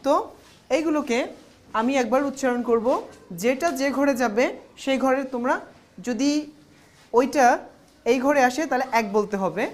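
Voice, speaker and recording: A woman with a Bangladeshi accent teaching young pupils in a classroom, calling out single English words slowly and clearly for them to repeat. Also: high voice. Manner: slow, clear drilling of single words, mixing languages. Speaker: primary school English teacher.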